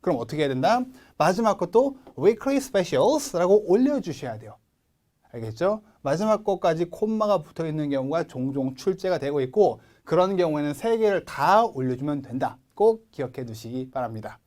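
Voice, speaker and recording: A man with a Korean accent teaching English test prep in a recorded lecture, emphatic, drilling words slowly and asking and answering his own questions. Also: fairly high pitch, animated, a little mellow. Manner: asks questions and answers them himself.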